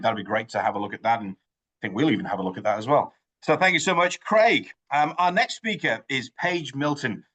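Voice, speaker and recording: A man's voice: mid-range voice, a bit bright, poor audio. A man hosting an online business networking meeting, effusive and upbeat, often restarting his sentences. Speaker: host of an online networking event. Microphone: video call.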